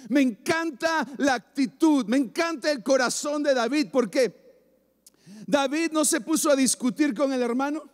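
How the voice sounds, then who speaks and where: High-voiced man preaching in a big hall. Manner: emphatic, repeats phrases, builds to shouts. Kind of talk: sermon. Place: church service before a congregation. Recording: long reverb of a large hall.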